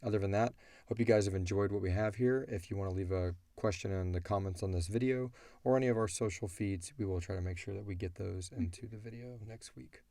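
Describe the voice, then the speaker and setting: A middle-aged man, the creator and host of an audio drama, leads a casual question-and-answer chat. His voice is on the low side, quick-paced and warm, recorded with no room sound.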